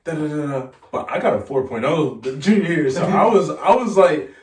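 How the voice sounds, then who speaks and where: A fairly high-pitched young man, a college football player guesting on a podcast, tells stories fairly quickly in a casual way. He's animated, voicing the characters as he goes, and the recording has roomy echo from a far-off mic.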